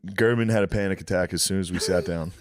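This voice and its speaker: Brief: male podcast co-host, low-leaning voice, dry close mic, loose crude banter with lots of laughing. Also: fast, no echo. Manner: laughs often, quotes others in exaggerated voices.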